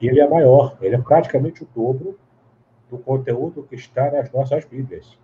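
A man's voice: medium pitch, normal speed. A man, explaining at length as an interview guest, in a teacherly way with many tag questions and restarts. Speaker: guest Bible scholar. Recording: dull lo-fi sound with faint hiss.

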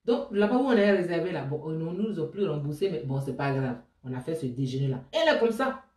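A woman with an Ivorian French accent tells personal memories aloud, her voice swinging high and loud when she gets excited and dropping low and soft for quoted words. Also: fast. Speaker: storyteller sharing memories. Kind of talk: animated personal storytelling. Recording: echoey room, voice from a distance.

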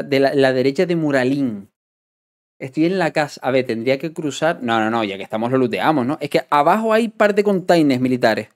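Chatty young man streaming a game. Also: medium pitch. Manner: chatty, greets and thanks viewers. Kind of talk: live gameplay commentary.

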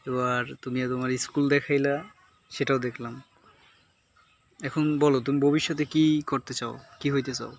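A man's voice: medium pitch, fairly even intonation, normal speed, pauses often. A man chatting casually to viewers and companions as a vlogger on location. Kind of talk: casual vlog chat.

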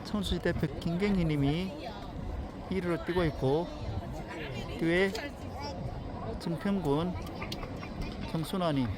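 A man giving casual live commentary on a race at an outdoor track while filming it, often shouting encouragement to the runners. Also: on the high side, takes it slowly, long pauses, crowd noise. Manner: excited, cheering and shouting encouragement. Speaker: amateur running club member filming a race. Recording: outdoor noise from a stadium track.

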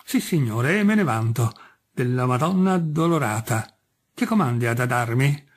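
A man's voice: mid-range voice, lively intonation, normal speed, close to an everyday voice. A man playing a humble, earnest workman. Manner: deferential yet earnest, pleading. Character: humble male workman, devout and stubborn.

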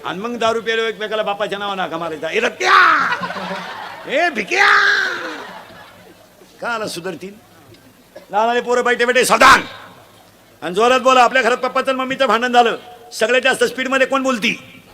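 A man preaching a comic devotional sermon, loud and joking, quizzing the audience with blunt, earthy village humour. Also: very high voice, fast, heavy background noise. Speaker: kirtan preacher.

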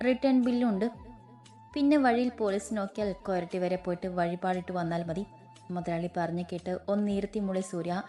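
A woman reads a romantic story aloud at an ordinary middle pitch. She keeps the same narrating voice for every character. Soft music plays quietly behind her. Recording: faint background music.

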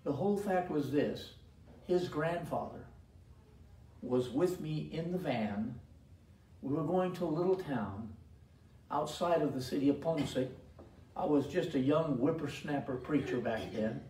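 An older male pastor delivers a sermon slowly and deliberately, his voice sitting a little high for a man. He preaches with emphatic stresses and calls out to the congregation. The sound is roomy and distant, as if picked up from across a church sanctuary. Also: expressive, warm tone. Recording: roomy echo from a distant mic.

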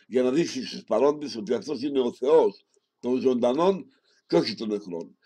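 A man reading a homily aloud in a solemn, measured way, speaking directly to the listener and closing with prayers. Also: mid-range voice, expressive, mellow. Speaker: reader of a sermon.

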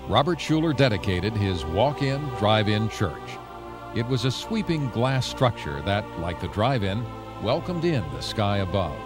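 A man giving scripted documentary narration in a measured storytelling delivery. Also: medium pitch.

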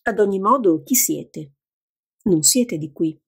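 A woman voicing a sharp, impatient young woman. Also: mid-range voice, lively intonation, takes it slowly, slightly rough, exaggerated voice. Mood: exasperated. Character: brisk, agitated young woman.

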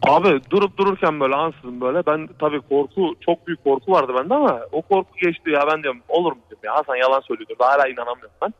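Fast-talking man telling a scary story. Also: fairly high pitch, animated, dry recording. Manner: rambling, repetitive, keeps saying "brother" and "he said". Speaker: radio show caller. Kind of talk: telling a true horror story on a call-in show. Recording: dull lo-fi radio broadcast.

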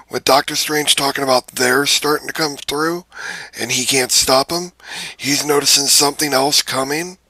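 A man hosting a trailer reaction video, chatting casually from a small room, moving between short exclamations and slower musing. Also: mid-range voice, sharp tone, no echo. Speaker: YouTube host.

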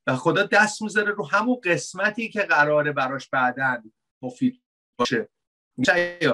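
A man preaching a conversational sermon, asking rhetorical questions and dropping into soft, wry asides. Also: a little high, husky. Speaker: pastor.

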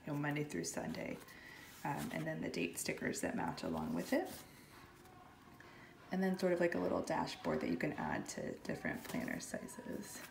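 Low, gravelly woman unboxing planner goodies. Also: noisy background. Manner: chatty, enthusiastic, soft-spoken at times. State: raspy from smoky air. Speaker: planner vlogger. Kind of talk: casual product unboxing. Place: home, while her son is in an online class.

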